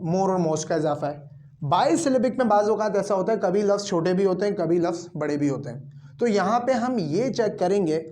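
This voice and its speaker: Slow, deliberate male grammar teacher. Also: sits high, warm tone. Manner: slow, deliberate, repeats and spells out example words. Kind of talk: classroom lesson explaining grammar rules.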